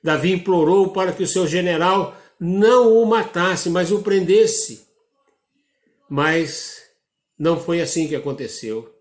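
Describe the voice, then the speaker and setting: Man, Brazilian accent, preaching, drawn-out pacing, reverberant church room. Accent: Brazilian Portuguese. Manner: slow, measured preaching with dramatic drops in pitch. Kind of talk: sermon.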